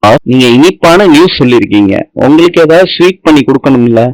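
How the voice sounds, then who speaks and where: A man's voice: fairly high pitch, animated, fast talker, dry recording, close to an everyday voice, low-quality recording. A man reading the lines of a cheerful young local woman, in his own plain voice.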